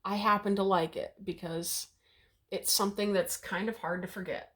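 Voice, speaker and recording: A woman's voice: mid-range voice, fairly even intonation, normal speed, a bit bright. A woman giving a casual video lesson at a whiteboard. She chats as she explains, says "okay" often and laughs at her own memory tricks. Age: middle-aged. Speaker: Latin teacher.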